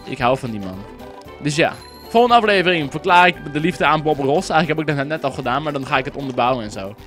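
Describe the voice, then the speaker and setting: A man's voice: on the high side, lively intonation, quick pace, fairly bright tone. A young man giving rambling, casual let's-play commentary, chatting with lots of fillers and crude asides. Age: young adult. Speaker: gameplay commentator. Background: game music.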